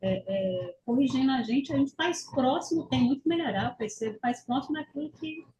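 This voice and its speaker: A woman student chatting in an online English class. Her voice is somewhat high and comes with faint background noise. She rambles and often stops to restart her sentences. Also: expressive, brisk, dark tone, low-quality recording. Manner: rambling, hesitant, many restarts. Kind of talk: casual chat in online class.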